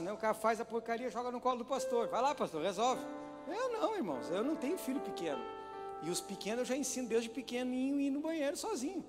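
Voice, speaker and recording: A pastor preaching a sermon in a church, swinging from hushed asides to loud, dramatic shouts. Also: male voice, very high-pitched. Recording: hall reverb with faint music.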